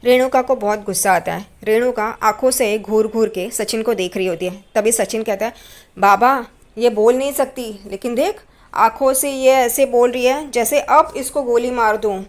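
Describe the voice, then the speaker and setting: A woman's voice: a little high, normal speed. Woman narrating a serial episode. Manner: storytelling, voicing quoted lines with lifted energy.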